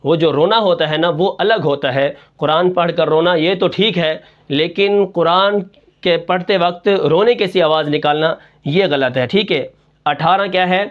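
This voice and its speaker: A male Quran teacher with a high, light voice. He explains recitation rules in a repetitive question-and-answer pattern, dropping his voice low on each answer. The audio is dull and muffled, like a lo-fi recording. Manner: breaks into slow, drawn-out Quran recitation to demonstrate. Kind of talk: tajweed lesson in Urdu.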